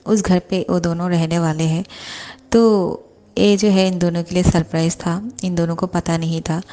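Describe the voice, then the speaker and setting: A woman's voice: lowish voice, a little mellow. A woman hosting her channel, retelling a fan fiction story in a chatty, explaining way.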